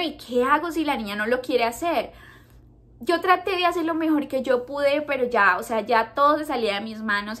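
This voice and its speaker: A woman's voice: fairly high pitch, fairly bright tone. Emotional Colombian woman telling her story. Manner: halting, repeats words, near tears. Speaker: vlogger.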